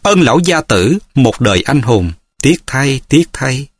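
A man's voice: medium pitch, big pitch swings, measured pace, husky, no echo. A male storyteller voicing a cold, aloof young swordswoman who speaks curtly and formally in a martial-arts audiobook. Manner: curt, formal, distant.

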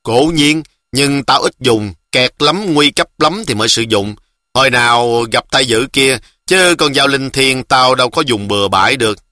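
A man's voice: mid-range voice, moderate pace, pushed and bright, dry recording, clean studio sound, lightly acted. A man voicing a young male army deserter who talks earnestly to his mother. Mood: boastful.

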